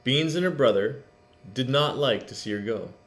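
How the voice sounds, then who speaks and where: Male storybook reader, mid-pitched, very lively intonation, expressive and chatty with young listeners. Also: moderate pace. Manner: expressive, asks listeners questions. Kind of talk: read-aloud to children with chatty asides.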